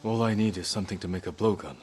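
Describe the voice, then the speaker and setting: An actor playing a stoic, resolute young samurai lord in video game dialogue, speaking in a grave, measured, restrained way. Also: male voice, lowish voice, a little mellow, slight background noise, lightly acted. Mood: grave, determined.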